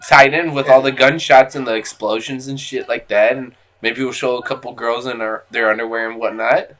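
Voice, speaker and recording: A man's voice: mid-range voice, fairly even intonation, a little fast, a bit bright. A man co-hosting a casual movie podcast who rambles and swears freely. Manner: crude, rambling, profane. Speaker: podcast co-host. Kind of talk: casual chat over a movie.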